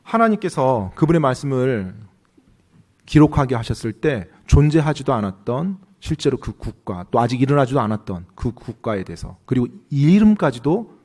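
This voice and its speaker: Lively man interpreting a sermon. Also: medium pitch, moderate pace. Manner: lively, rising questions to the congregation.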